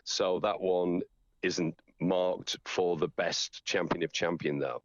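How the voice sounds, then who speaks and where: A middle-aged man with a fairly low voice talks as an interview guest. He is chatty and tells anecdotes with animation. The sound is dry and somewhat dull. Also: slow, no echo. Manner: chatty, animated storyteller who acts out quotes. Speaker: interview guest, champion town crier.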